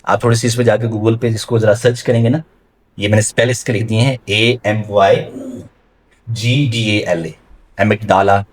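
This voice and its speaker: This male religious scholar speaks at a fairly low pitch with fairly even intonation. In his classroom lecture he puts questions to the audience and mixes English terms into what he explains.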